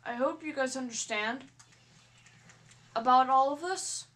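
A female gaming YouTuber with a high, fairly bright voice chats casually to her viewers while she plays. She speaks at a measured pace but hesitantly, stuttering and often restarting her sentences.

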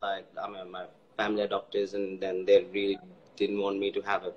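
A man's voice: sits low, completely flat delivery, fairly quick, lo-fi sound, a little hiss or hum. Hesitant young man on a video call. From Sri Lanka. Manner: hesitant, many fillers and restarts, laughs easily. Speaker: guest, video director. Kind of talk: casual interview chat. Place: indoors, dark room, video call. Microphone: video call mic.

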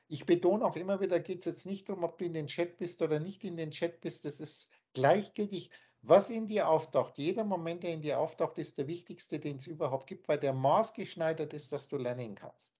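A man's voice: on the high side, normal speed, darkish tone, breathy edge. A man teaching in an emphatic, scornful lecturing manner, speaking over a video call. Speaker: spiritual teacher. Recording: dull lo-fi online call audio.

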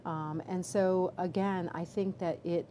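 A middle-aged woman physician speaks low and deliberately, pausing on fillers as she answers a live Q&A. Her sentences restart as she picks her words. A clear hiss of noise runs under her voice. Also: steady tone, dark tone, low-quality recording. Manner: measured, with many fillers and restarts. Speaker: obstetrician gynecologist, chief medical officer. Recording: background noise.

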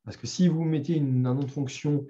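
This meetup speaker, a middle-aged man with a French accent, gives a live developer talk with a screen demo, loaded with fillers and restarts. His fairly high, mellow voice stays steady and fairly quick, though the recording is muffled with slight hiss or hum.

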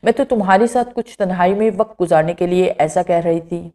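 Affectionate young sweetheart, playful, lowish voice, mellow tone, read by a woman. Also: lightly acted. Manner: affectionate, teasing.

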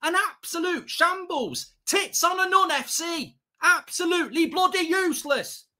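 Sharp, forceful football fan host ranting. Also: male voice, very high voice, measured pace. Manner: exasperated, emphatic, repetitive, swearing. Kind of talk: live match reaction rant. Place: small indoor studio set at a desk.

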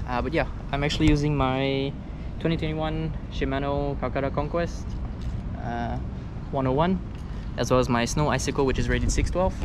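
Relaxed young man vlogging by a canal. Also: medium pitch, normal speed, background noise. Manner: relaxed, chatty, many "uh" fillers. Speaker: fishing vlogger. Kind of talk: casual vlog narration. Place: outdoors by an urban canal. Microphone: action camera on chest.

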